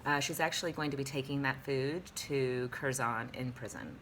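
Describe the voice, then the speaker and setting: Chatty low-voiced woman teacher. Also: normal speed, fairly bright tone, slight background noise. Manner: chatty, easily distracted, playful. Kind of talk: reading a novel aloud and discussing it.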